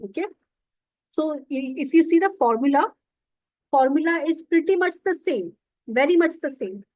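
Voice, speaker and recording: A woman's voice: high voice, expressive, moderate pace, a little mellow, dry recording, low-quality recording. A woman giving an online nutrition lecture, explaining step by step and often checking in with "okay". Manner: explanatory, repeats terms and says okay often.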